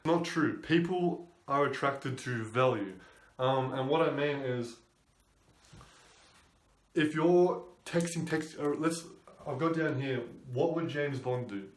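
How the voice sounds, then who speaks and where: Young male dating coach, pitch in the usual middle range, loose and chatty, recorded in a roomy, echoey space. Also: slow pace. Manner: loose, conversational, acts out quoted thoughts. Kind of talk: casual advice talk. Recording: roomy echo.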